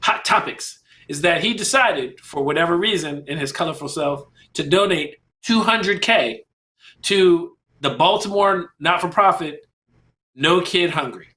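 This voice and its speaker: A man co-hosting a casual panel podcast, talking in a relaxed, slangy way and laughing often. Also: a little high, measured pace. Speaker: podcast co-host.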